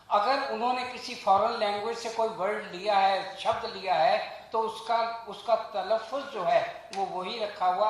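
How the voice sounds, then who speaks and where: A man giving a formal, earnest speech at a book launch, reciting verse and making rhetorical points. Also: high voice. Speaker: guest speaker at a book launch. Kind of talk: formal speech on language and pronunciation. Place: event hall. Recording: very echoey hall.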